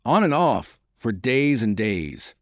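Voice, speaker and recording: A man reading aloud and voicing a stolid, indifferent frog footman who speaks in a flat, solemn, matter-of-fact way. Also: medium pitch, slow pace, no echo, dull audio. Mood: deadpan.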